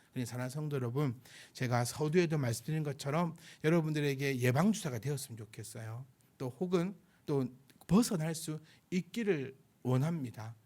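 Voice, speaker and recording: A male pastor preaches in a church with an animated, swinging delivery. His voice sits fairly high, and he slips into folksy dialect asides and speaks as God addressing his flock. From South Korea. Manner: lively preaching, dialect jokes, voicing God's words. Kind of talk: sermon. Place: church sanctuary.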